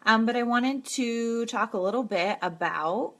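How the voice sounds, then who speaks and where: A woman's voice: a little high, measured pace. A woman in her thirties hosting a casual live stream, chatting in an encouraging way with lots of "um"s. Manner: chatty, filler-heavy, encouraging.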